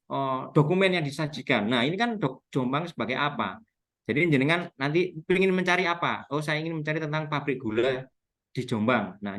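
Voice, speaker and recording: Giving an informal webinar on local history, this Javanese-accented Indonesian speaker explains things step by step and spells out the terms. His voice leans high with a slightly bright tone.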